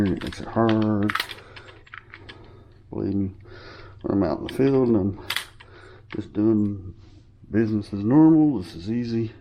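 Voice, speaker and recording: Slight background noise sits under a man's lowish, mellow voice. Casually rambling, the hobbyist shows off his gear while sniffling a bit from a cold, using fillers and correcting himself along the way.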